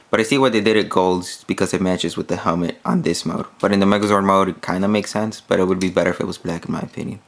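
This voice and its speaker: Low-voiced man rambling through a toy review. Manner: rambling, many fillers like "like" and "yeah"; hands-on, demonstrating while talking.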